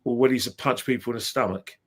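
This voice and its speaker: A man chatting casually about old football days, excitable and repeating himself as he gets going. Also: medium pitch, rapid-fire.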